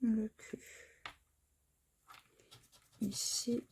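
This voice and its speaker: A woman's voice: fairly high pitch, little pitch movement, extremely slow, vocal fry, a little mellow, breathy edge. A woman chatting casually to viewers as she scratches tickets, spelling out letters one by one. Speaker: scratch-card vlogger.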